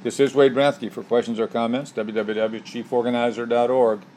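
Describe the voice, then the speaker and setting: An older man delivers a scripted commentary segment in a measured, opinionated way. His voice sits at a middle pitch, and his reading stays steady and deliberate throughout. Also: slight background noise. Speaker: commentary host.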